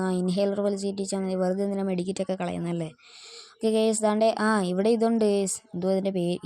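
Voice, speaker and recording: A woman's voice: mid-range voice, mellow, no room sound. Chatty woman commenting on her game. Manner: chatty, keeps addressing viewers as guys. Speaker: gaming channel host. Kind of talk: casual gameplay commentary.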